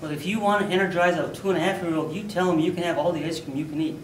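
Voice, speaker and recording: Male contest speaker telling a funny story, lively delivery, recorded far off in a roomy hall. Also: on the high side, very fast, noisy background. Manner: animated, loud bursts for sound effects. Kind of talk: humorous storytelling speech. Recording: echoey hall, mic from far off.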